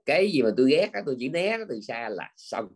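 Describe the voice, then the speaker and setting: Older guy giving a buddhist talk, husky voice, chatty, keeps asking "remember?". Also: mid-range voice, sing-song, fast talker. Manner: conversational, with frequent tag words. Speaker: Buddhist teacher. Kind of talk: dharma talk.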